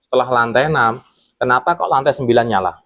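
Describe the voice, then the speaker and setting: A man's voice: mid-range voice, quick pace. A man, a former security guard telling a ghost story in a casual podcast chat and acting out his coworkers' words. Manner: animated, acts out quotes from coworkers.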